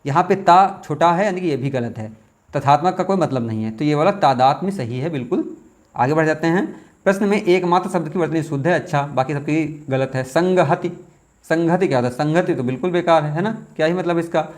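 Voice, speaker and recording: A man teaching, working through exam questions aloud, repeating words slowly as he thinks aloud. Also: fairly high pitch. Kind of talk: test question walkthrough.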